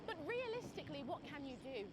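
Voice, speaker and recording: An earnest British field reporter in a comedy news game. The voice is high and animated, with very loud outdoor noise. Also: female voice, quick pace. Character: earnest, self-important television field reporter.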